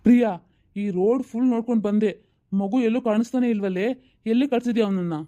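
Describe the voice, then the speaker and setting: A man playing a scolding, fast-talking husband. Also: high voice, dark tone, natural voice. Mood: worried. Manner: scolding, bossy, rapid-fire. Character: stern angry husband and father. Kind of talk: amateur audio family drama.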